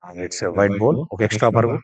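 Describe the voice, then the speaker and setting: A man with a Telugu Indian accent giving live cricket commentary, mixing languages, with excited, exclamatory calls. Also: lowish voice, fairly quick.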